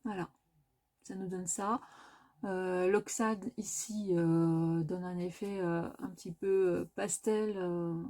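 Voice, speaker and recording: A woman's voice: fairly low pitch, steady tone, slow pace, warm tone. Hesitant French-speaking woman demonstrating crafts. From France. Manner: hesitant, many filler sounds, self-correcting. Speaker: crafting video host.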